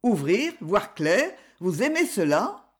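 A gracious, worldly aunt of polite society, as a woman reader voices her in a storybook reading. The delivery is unhurried, with a lively, expressive pitch. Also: husky, heavily acted. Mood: curious. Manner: polished, socially gracious. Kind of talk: audiobook character reading.

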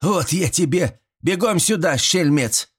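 A man's voice: fairly high pitch, expressive, a little slow, fairly bright tone, breathy edge, pitched above the performer's own voice, heavily acted. A man voicing a bossy old village grandmother who scolds and fusses in rustic, folksy speech. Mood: scolding.

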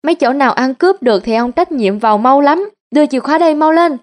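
A woman voicing a loud, crude middle-aged street-food seller, who scolds and bosses people around. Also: sits high, lively intonation, quick pace, pitched above the performer's own voice. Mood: scolding.

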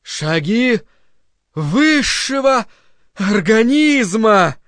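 A solemn, otherworldly voice booms slowly from above, as a male audiobook reader puts it on. It stretches every word and sinks toward a hushed whisper, pitched higher than the reader's own voice and set in a dry, close recording. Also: sing-song, no echo, heavily acted. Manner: slow, drawn-out and solemn, dropping to a whisper. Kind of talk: audiobook reading.

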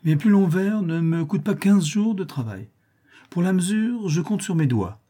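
A man's voice: high voice, animated, moderate pace, warm tone, slightly rough, pitched above the performer's own voice. A man voicing a vain, pompous older count who admires his own verses. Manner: pompous, self-admiring, emphatic.

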